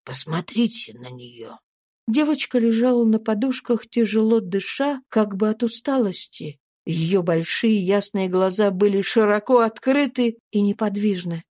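A woman reading a classic novel aloud as an audiobook narrator, in a slow, solemn, deliberate way. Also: mid-range voice, mellow, no room sound, clean studio sound. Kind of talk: scripted literary narration.

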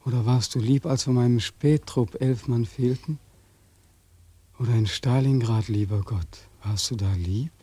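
A young soldier home from the war in a radio drama, bitter and full of accusation. His dark, mellow voice moves between quiet mockery and anguished outbursts. It is recorded close and dry. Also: mid-range voice, unhurried, breathy edge, no room sound.

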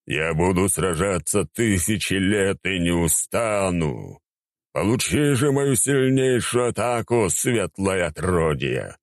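Man doing a boastful necromancer, deep gravelly voice, slow drawn-out lines, dry sound. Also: animated, dry recording, heavily acted. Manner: slow drawling bombast. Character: boastful theatrical male necromancer.

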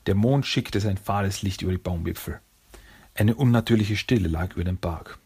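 Male narrator, storybook reading, measured, low, husky. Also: warm tone.

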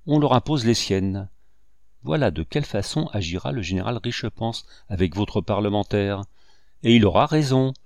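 A man voicing a proud, bitter rebel commander who speaks in solemn, measured oratory. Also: lowish voice, a little mellow, dry recording, studio quality.

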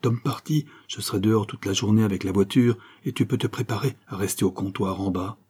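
A man's voice: lowish voice, a little fast, darkish tone, slightly rough. A man voicing a harsh, bullying middle-aged husband who growls and hammers his words. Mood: menacing.

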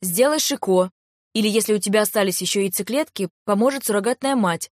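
Woman voicing blunt friend, firm matter-of-fact, mid-pitched, dry. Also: fast talker, no echo, lightly acted. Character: blunt, no-nonsense female friend.

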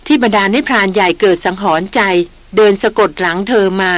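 A woman's voice: mid-range voice, fairly quick, no room sound, lightly acted. A woman doing a shaken aristocratic huntress. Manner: trembling, breathless speech.

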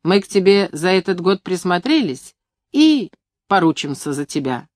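A woman's voice: sing-song, normal speed, no echo, clean studio sound. A woman reading as a pushy male station chief. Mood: insistent. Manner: pushy, insistent, booming with enthusiasm. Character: bossy middle-aged male farm station director.

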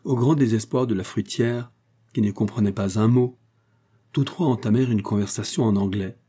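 A man reading a classic novel aloud as audiobook narrator, measured and even. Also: fairly low pitch, slightly rough. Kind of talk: scripted narration.

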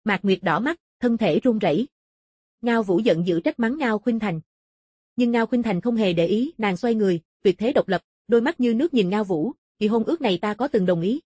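A woman narrating a martial-arts fantasy novel as an audiobook, in a steady, even reading manner. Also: fairly high pitch, normal speed, breathy edge, no echo, studio quality. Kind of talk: scripted narration of a wuxia novel.

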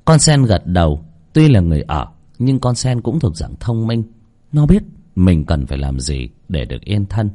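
A man narrating a folk tale aloud, in an expressive storytelling manner. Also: low-pitched, normal speed.

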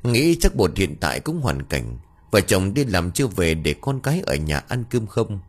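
A man narrating a scripted ghost story with steady storytelling. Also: low voice, moderate pace, husky.

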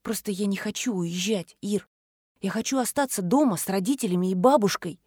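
A woman reading an audiobook voices a gentle, earnest teenage girl who pleads and explains herself. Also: medium pitch, brisk, breathy edge, dry recording, clean studio sound, close to an everyday voice. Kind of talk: audiobook character voice.

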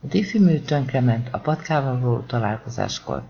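A man narrating an audiobook in a tense, dramatic way, voicing the shouted lines of the characters himself. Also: medium pitch, expressive, gravelly, dull audio, a little hiss or hum.

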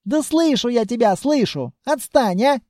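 A man reading an audiobook, voicing a sharp-tongued, mocking young female ship captain. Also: extremely high pitch, expressive, measured pace, no echo, studio quality, pitched above the performer's own voice. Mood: irritated. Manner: sassy, mocking.

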